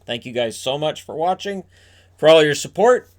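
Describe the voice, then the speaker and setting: A man's voice: a little high, lively intonation, moderate pace, a little mellow. A man hosting a hockey video channel, talking casually to camera about team stats and history, with frequent restarts and phrase endings that trail off.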